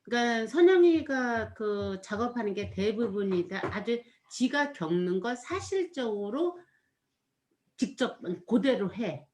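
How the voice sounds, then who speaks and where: Woman chatting in a higher voice. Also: sing-song, unhurried, darkish tone, slight background noise. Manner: rambling, full of "이렇게" fillers. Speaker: storyteller recounting a performance. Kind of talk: casual chat.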